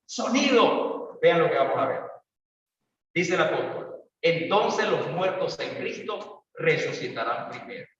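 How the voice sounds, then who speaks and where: A pastor preaching an evangelistic sermon, swinging between loud calls and quiet asides. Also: male voice, sits high. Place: church hall. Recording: echoey church hall, distant mic, dull sound.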